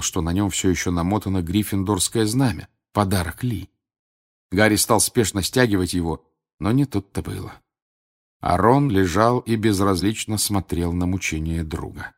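A man narrating an audiobook, expressive, with dramatic pauses. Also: low voice. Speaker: audiobook reader.

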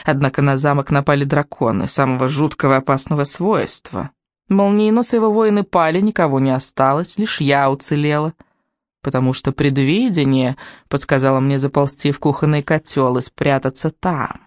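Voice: medium pitch, moderate pace, no echo, studio quality, lightly acted. A reader voicing a spiteful, lying old witch with a crackling, hissing voice in an audiobook. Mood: scheming. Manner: hissing, theatrical. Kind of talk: audiobook reading.

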